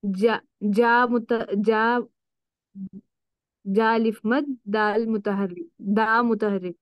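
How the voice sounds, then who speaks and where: A woman student recites letter drills very slowly and hesitantly, sounding them out one by one. Her voice is smooth, dry and close, with a dull lo-fi edge. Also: on the high side, fairly even intonation, no room sound. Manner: hesitant, slow and careful. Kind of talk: reciting lessons aloud.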